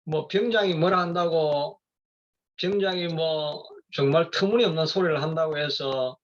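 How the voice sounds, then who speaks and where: A man's voice: fairly high pitch, normal speed, dull audio. A middle-aged male pastor giving a rambling, conversational sermon with many fillers and restarts.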